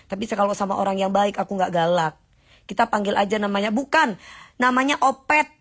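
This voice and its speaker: A woman, ranting casually and mockingly to viewers on a livestream. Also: medium pitch. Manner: sassy, combative, mocking. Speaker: livestream host.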